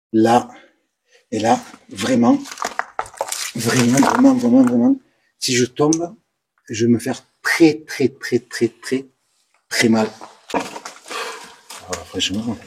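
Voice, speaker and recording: A man with a southern French Provençal accent narrates his urban exploration into a camera mic as he moves through abandoned ruins. His voice sits at an ordinary middle pitch. He talks excitably, repeats himself and often sinks into hushed mutters over a faint background hiss. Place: ruins of an old abandoned building.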